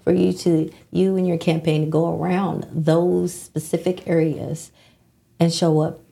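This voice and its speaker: A woman's voice: fairly low pitch, level tone, measured pace, creaky, mellow. A woman hosting a community radio interview, chatty, asking questions and laughing easily. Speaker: radio host.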